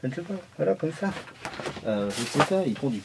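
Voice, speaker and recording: A man's voice: medium pitch, very animated, fairly quick, gravelly, noisy background. A man vlogging at home in a casual, joking film review, rambling and restarting his sentences often.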